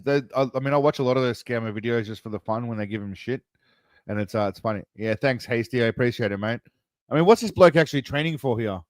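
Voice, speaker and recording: A man's voice: medium pitch, fast talker, no room sound. A man with an Australian accent hosting a casual livestream, reacting to a video in a laid-back, profane, rambling way. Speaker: host.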